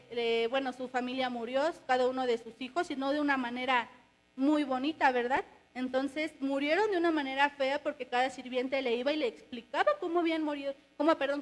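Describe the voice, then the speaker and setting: A woman's voice: high voice, poor audio. A woman with a Mexican Spanish accent preaching a sermon in an earnest, questioning way, with many fillers and restarts.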